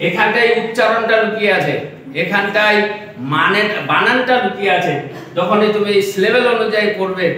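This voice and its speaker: A man's voice: sits high, bright, forceful tone, slight background noise. A man teaching an English lesson, explaining step by step and repeating his phrases. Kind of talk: classroom lesson. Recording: echoey room, from far off.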